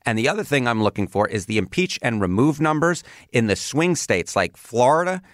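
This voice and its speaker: A man with a New York accent, giving a rapid, emphatic cable news analysis of polling and politics. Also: mid-range voice, sing-song, dry recording, clean studio sound. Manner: rapid, emphatic, rhetorical questions.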